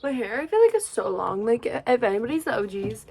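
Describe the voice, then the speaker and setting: A young woman chatting casually while getting ready, sleepy and rambling, sometimes dropping to a soft murmur. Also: fairly high pitch, big pitch swings, brisk, gravelly, slightly rough. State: sleepy, yawning. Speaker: beauty vlogger. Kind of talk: casual get-ready-with-me chat.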